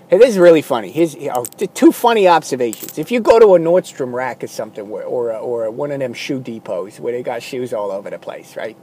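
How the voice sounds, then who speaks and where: A man with a slightly rough voice delivers a rambling, self-deprecating comic monologue, jumping from loud bits to low, mumbled asides.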